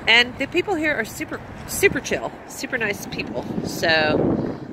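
A Texan woman in her forties, an RV travel vlogger, chats casually into a phone camera held at arm's length outdoors at an RV campground, rambling and laughing often. Her voice is a little high with big pitch swings and a measured pace, and there's background noise.

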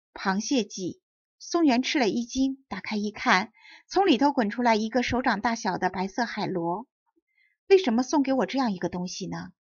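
A woman narrating a children's fairy tale in a soft, lilting storytelling voice. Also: a little high, dry recording, dull audio. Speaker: audiobook narrator.

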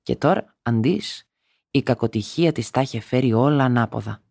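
A man's voice: medium pitch, gravelly, darkish tone, husky, no room sound, clean studio sound. Man narrating a literary audiobook.

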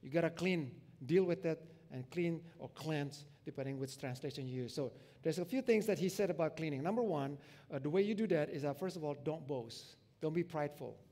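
A male pastor preaching a sermon in a conversational way, full of fillers, moving between loud emphasis and quiet asides. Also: on the high side, a little fast, few pauses. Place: church.

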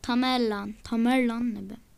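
A young woman commenting casually on her gameplay, excitable and often shouting at her teammates. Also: fairly high pitch, moderate pace, vocal fry, clear, resonant tone. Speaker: gaming channel host.

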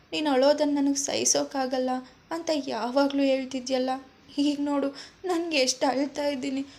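A woman's voice: sits high, darkish tone, voice pushed up. A woman voicing a young woman who pleads frantically and tearfully. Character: young woman, desperate and grieving.

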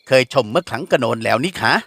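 A male narrator voicing a proud, sharp-tongued young princess with a mocking, teasing manner. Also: mid-range voice, animated, rapid-fire, vocal fry, breathy edge, no room sound, full character voice.

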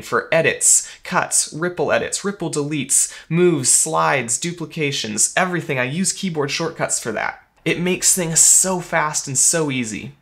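A young man in his twenties explaining video editing in a casual vlog, upbeat and running quickly through lists of steps, recorded in a home studio room. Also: on the high side, a bit bright. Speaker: video editor and vlogger.

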